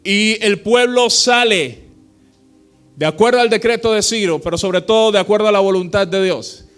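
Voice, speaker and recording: A man's voice: high-pitched, a bit bright, smooth, faint music behind. A man preaching a sermon as pastor, reading scripture aloud and quizzing the congregation with call-and-response questions. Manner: slow, emphatic reading with drawn-out phrases.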